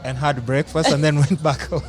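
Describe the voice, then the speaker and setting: A man's voice: a little high, steady tone, fairly quick. A man hosting a casual podcast conversation. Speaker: podcast host. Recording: busy chatter and urban bustle behind.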